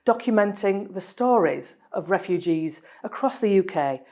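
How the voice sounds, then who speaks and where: A woman narrating a scripted monthly news round-up for a hospital trust, upbeat and clearly read. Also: medium pitch, lively intonation, moderate pace, darkish tone.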